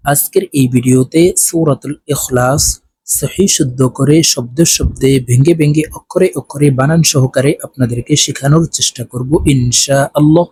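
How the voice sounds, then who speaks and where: A man's voice: a little high, a little mellow, slightly rough, dry recording. A man teaching Quran recitation, spelling out letters and vowel marks one by one in a patient, instructive way. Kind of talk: spoken tutorial lesson.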